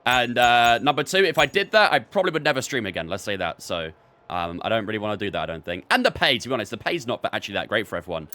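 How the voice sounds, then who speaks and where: A man's voice: lowish voice, sing-song, fast talker, bright, forceful tone, no room sound. A young man streaming a racing game from his bedroom, chatting with viewers between laps. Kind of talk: casual live-stream chat while racing.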